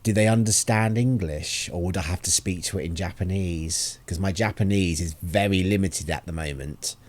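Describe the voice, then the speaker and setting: A man's voice: low voice, moderate pace. A man from the United Kingdom hosting a reaction video, chatting along with casual, self-deprecating jokes.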